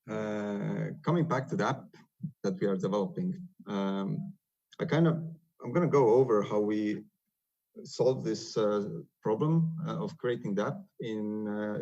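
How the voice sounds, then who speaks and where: A man's voice: on the low side, a little mellow. A man with an Estonian accent, presenting on a video-call webinar in non-native English, with frequent hesitations and fillers. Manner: hesitant, many "uh" fillers and restarts. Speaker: software developer presenting on a webinar. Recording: dull lo-fi video call audio.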